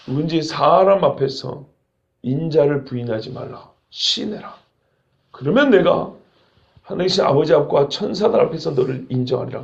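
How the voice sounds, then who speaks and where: A middle-aged man preaching a sermon as pastor, earnest and emphatic, asking his listeners rhetorical questions. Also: sits high.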